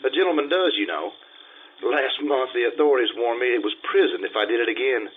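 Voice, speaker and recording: A man's voice: medium pitch, expressive, brisk, a little hiss or hum, close to an everyday voice. Man playing Casanova, vain romantic, tinny sound. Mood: haughty. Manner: theatrical, self-important. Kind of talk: old-time radio drama acting and narration. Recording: tinny radio-play recording, music behind.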